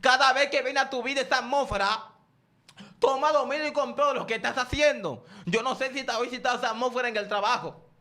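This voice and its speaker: A man with a high, bright, forceful voice preaches a sermon. He keeps asking his listeners questions and answers them himself. Now and then he calls on the congregation to say the words back to him. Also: fast.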